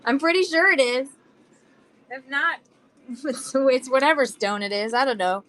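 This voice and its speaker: A high-pitched woman with a fairly bright tone speaks a little slowly as she runs a live online sale of beads and charms, chatting casually with buyers. There's some phlegm in her throat, and she hums and sings to herself between items. The recording is rough.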